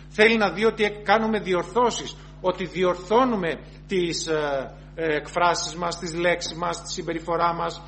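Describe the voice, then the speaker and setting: A man's voice: high voice, a bit bright, slight background noise. A man preaching a sermon, earnestly repeating and rephrasing his points and reading scripture aloud before explaining it.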